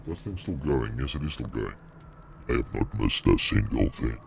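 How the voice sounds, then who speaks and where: A demon rumbles out of the speakers, the voice pushed down to an inhuman low with a heavy gravelly crackle layered over it. He swears, jumps at scares and talks back to his chat in a lively, up-and-down way, over a faint hiss. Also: moderate pace, heavily acted. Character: a demon speaking through the streamer. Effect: deep, gravelly demonic voice changer. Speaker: streamer playing a horror game. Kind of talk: live gameplay commentary.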